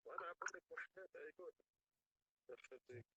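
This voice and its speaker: A man with a raspy, creaky voice, chatting casually. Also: fairly high pitch, quick pace, bright, forceful tone. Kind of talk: casual chat.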